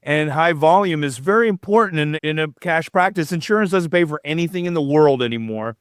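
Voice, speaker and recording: Middle-aged male guest, lively explainer, clear smooth voice, fairly high for a man, dry close sound. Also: brisk, dry recording. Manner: animated, explanatory, demonstrative. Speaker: chiropractor guest. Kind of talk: podcast interview answers.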